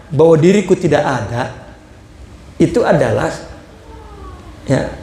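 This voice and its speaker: An Indonesian-accented man gives a religious lesson, reading out a line of the text and then explaining it plainly. His voice sits fairly high and moves at an unhurried pace. The recording carries the echo of the room. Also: a little mellow, a little hiss or hum.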